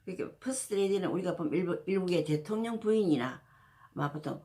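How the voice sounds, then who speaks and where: A woman hosting a channel tells a history story casually, rambling with lots of fillers and restarts. Her voice is lowish, warm, animated, and fairly quick.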